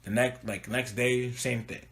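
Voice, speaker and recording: Bright-voiced slangy man telling a story. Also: medium pitch, flat delivery, a little slow, slight background noise. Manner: slangy and loose, peppers talk with "bro" and "dog". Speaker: podcast co-host. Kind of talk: casual chat, storytelling.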